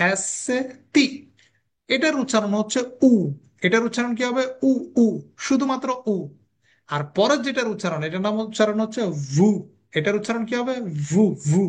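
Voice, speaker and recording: A language teacher giving a recorded lesson. The teacher asks questions and answers them, and repeats each sound slowly for drilling. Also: mid-range voice, fairly bright tone.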